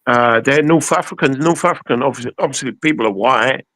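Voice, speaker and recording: A man's voice: medium pitch, brisk, bright, forceful tone, no echo, poor audio. A man, a guest on a live-streamed interview over a video call. He rambles and stammers, often repeating his opening words. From England.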